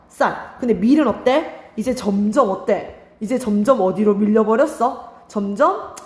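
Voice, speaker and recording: A woman's voice: mid-range voice, reverberant. A young woman teaching an exam-prep lesson, asking her students questions and answering them herself. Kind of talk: online exam-prep lecture.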